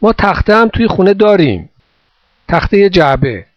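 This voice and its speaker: A man's voice: on the high side, big pitch swings, no room sound, pitched above the performer's own voice. A man doing a small, earnest, weary boy. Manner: earnest, pleading childlike delivery. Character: small war-orphaned boy, worn out, watchful. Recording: dull dry recording.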